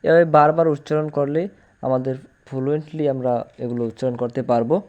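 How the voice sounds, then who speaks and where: A man giving an explanatory language lesson, repeating each point slowly and firmly. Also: mid-range voice, fairly even intonation, darkish tone, muffled recording. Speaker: English teacher.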